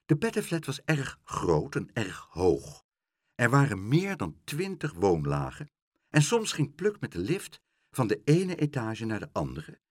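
Brief: male storybook reader, hugely animated delivery, husky, dry close sound. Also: medium pitch, a little slow, no echo. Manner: very lively, expressive storytelling. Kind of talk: children's book read aloud.

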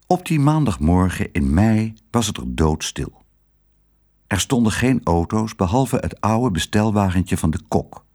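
A man narrating a storybook aloud with a lively, expressive reading. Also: on the low side, slightly rough.

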